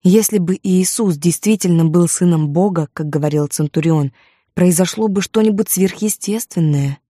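Woman narrator, low mellow voice, dry studio sound, measured dramatic read. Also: no room sound. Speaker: audiobook narrator. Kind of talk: scripted literary narration. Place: recording studio.

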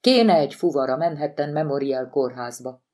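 A woman's voice: low-pitched, lively intonation, a little mellow. A woman voicing a tense, anxious middle-aged woman who runs an institute, in an audiobook. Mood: worried.

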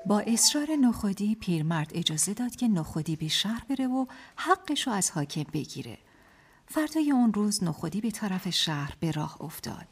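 A woman narrating a fairy tale in a radio play, in a lively storybook manner. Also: mid-range voice.

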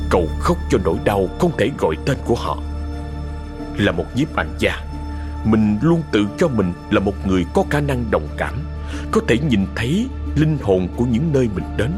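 A man narrating a sad ghost story in a slow, dramatic storytelling manner. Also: lowish voice. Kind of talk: scripted horror story narration. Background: music.

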